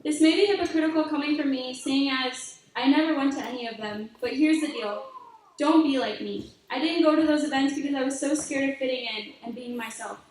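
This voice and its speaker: A high-voiced teenage girl delivers a heartfelt graduation speech, earnest as she offers advice. Her voice echoes heavily around a large hall. She sounds distant from the mic, with a faint hiss underneath. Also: fairly quick. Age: late teens. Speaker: graduating student speaker.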